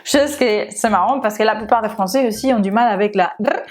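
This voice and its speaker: A woman's voice: medium pitch, a little fast. A young Spanish woman speaking French with a Spanish accent, chatting casually to camera in her vlog with many fillers. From Spain. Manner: chatty, many fillers and restarts, laughs often. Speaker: makeup YouTuber.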